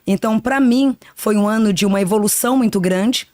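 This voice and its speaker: A woman's voice: mid-range voice, a little fast, a little mellow, no room sound, studio quality. A woman in her fifties, a psychic guest on a podcast, talking in an earnest, reflective way and often tagging "né". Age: 50s. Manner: earnest, reflective, spiritual talk with frequent "né". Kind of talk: podcast interview.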